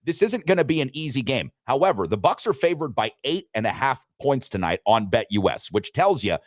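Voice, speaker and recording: A man hosting a sports talk show, talking betting lines with animated delivery and frequent restarts. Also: medium pitch, a little fast, no echo, clean studio sound. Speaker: sports radio host.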